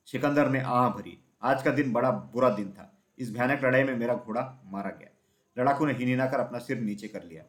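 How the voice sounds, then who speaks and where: Man, storybook narrator, steady even reading, mid pitch. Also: moderate pace.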